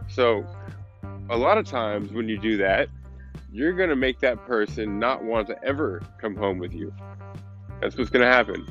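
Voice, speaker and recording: Gravelly man talking off the cuff. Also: fairly low pitch, animated, moderate pace, a bit bright. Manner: conversational, checks in with "right?". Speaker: podcast host and business coach. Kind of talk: casual off-the-cuff monologue. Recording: dull lo-fi sound, faint music behind.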